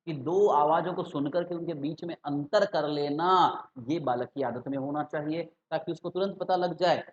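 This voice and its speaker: Teacher with a lilt. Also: male voice, on the high side, a little mellow. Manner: mixes English and Hindi, slows for key terms; rhetorical questions to students. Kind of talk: exam-prep lecture. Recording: dull lo-fi sound.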